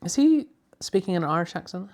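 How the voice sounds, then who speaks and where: A man's voice: high voice, very animated, fast, darkish tone. A man hosting a casual watch-along stream, sarcastic and dry, with plenty of swearing. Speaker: stream host.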